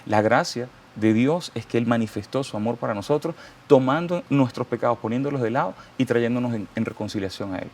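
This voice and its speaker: A male interview guest with a Venezuelan Spanish accent gives a fervent, preacherly testimony, quoting scripture. His medium-pitched voice is animated, brisk, and a little mellow, with slight background noise.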